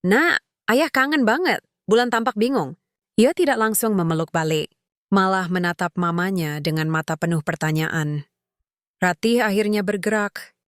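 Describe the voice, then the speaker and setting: A woman reading a scripted first-person story in a calm, measured way, in short phrases. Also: fairly low pitch, no echo, clean studio sound.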